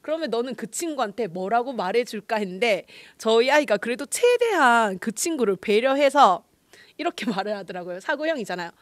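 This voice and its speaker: A woman's voice: a little high, big pitch swings, brisk, no echo. A middle-aged woman, a pastor's wife, giving a chatty online lecture, laughing often and acting out quoted lines.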